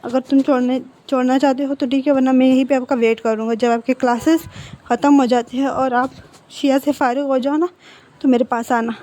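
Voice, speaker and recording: A woman's voice: high voice, fairly even intonation, a little fast, mellow, close to an everyday voice. Woman voicing a pouty, tearful young man. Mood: hurt, tearful.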